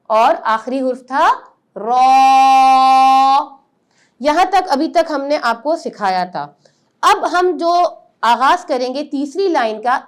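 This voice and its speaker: In a high voice, a woman gives a step-by-step lesson on Quran letter pronunciation. Her explanations are patient, followed by each letter sound drawn out slowly and loudly.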